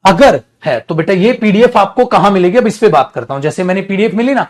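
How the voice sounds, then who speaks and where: A man's voice: sits high, lively intonation, quick pace. A male English teacher giving an online class lecture, calling his students "beta" and explaining step by step in repetitive lists, with bursts of scolding.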